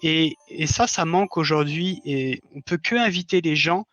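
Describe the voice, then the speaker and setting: On a live online stream, a fiction writer appears as a guest in a casual, reflective conversation, explaining earnestly and rephrasing as he goes. His voice is slightly high and fairly bright at a normal speed, with faint music behind and a dull lo-fi voice link.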